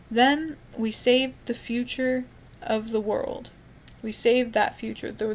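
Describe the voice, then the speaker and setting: Woman, slightly high voice, self-styled prophet; rambling, fervent, full of restarts and fillers. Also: a little hiss or hum, poor audio. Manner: rambling and fervent, with frequent restarts and "you know". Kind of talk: evangelizing monologue.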